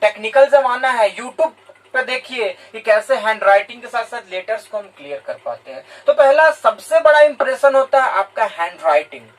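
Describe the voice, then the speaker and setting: An Indian teacher with a high, slightly bright voice gives a motivational talk to students, explaining his points and addressing listeners directly. He repeats key words in both English and Hindi, and the recording is rough with the mic far away.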